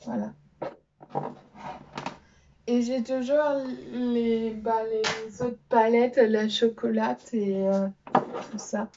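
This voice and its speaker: A woman's voice: fairly high pitch, steady tone, drawn-out words, pauses often, dull audio, background noise. A young French-speaking woman presenting makeup in a casual vlog, hesitant with many fillers. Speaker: beauty vlogger. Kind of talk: casual show-and-tell vlog.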